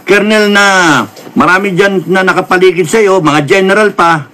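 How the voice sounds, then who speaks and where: A man's voice: sits high, fairly even intonation, moderate pace, bright, forceful tone. A man with a Filipino accent giving political commentary, lecturing and mixing in English phrases. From Philippines. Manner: lecturing, repeated apologies, mixes English phrases.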